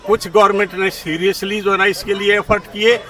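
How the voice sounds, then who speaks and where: Recorded outdoors on a street from a distant mic, a man from India in his seventies gives his political opinions in an interview. His high, flat voice comes out fairly fast, pushed and bright, and he sprinkles in English terms along with a filler phrase he keeps repeating.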